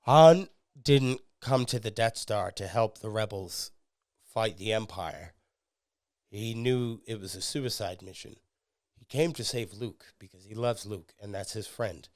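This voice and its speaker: A man talks casually and excitedly as a podcast host, swearing freely and leaning on "uh" and "um" between thoughts. His voice is smooth and resonant, recorded dry and close with almost no room sound. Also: on the low side, a little slow, no echo. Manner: excitable, swearing, frequent fillers. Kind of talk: casual fan commentary.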